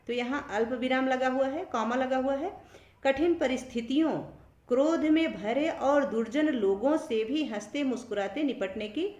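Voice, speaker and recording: A woman's voice: on the high side, echoey room. A woman teaching a school language lesson, patiently restating each point in simpler words. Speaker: Hindi teacher.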